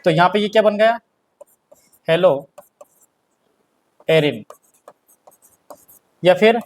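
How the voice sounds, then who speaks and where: Hindi-accented man teaching chemistry class. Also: sits high. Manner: asks students questions and answers himself; repeats key words slowly for dictation. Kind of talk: classroom lecture, dictating notes.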